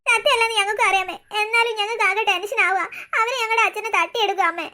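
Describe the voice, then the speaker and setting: A woman's voice: extremely high pitch, fairly even intonation, fast talker, bright, forceful tone. A woman voicing worried teenage daughters in a cartoon, anxious and pleading.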